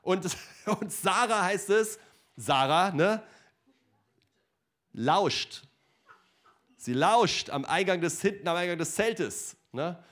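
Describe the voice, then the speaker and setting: A man preaching a sermon to a congregation in a conversational, joking way, often laughing and dropping into quiet asides before loud exclamations. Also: sits high, lively intonation, slow pace, pauses often. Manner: conversational, jokey, laughs often, many fillers like ne and äh.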